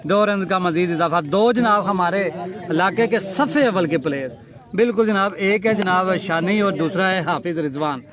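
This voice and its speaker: A man giving lively, joking live commentary at a local cricket match, tossing in English cricket phrases. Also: high voice, moderate pace. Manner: excitable, jokey, mixes English cricket phrases. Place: outdoor cricket ground. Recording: loud crowd around the mic. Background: crowd.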